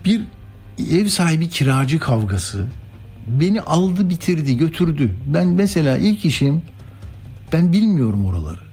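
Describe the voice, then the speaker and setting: Husky, mellow-voiced male news host. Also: on the high side, sing-song, moderate pace, soft background music. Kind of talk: informal news commentary.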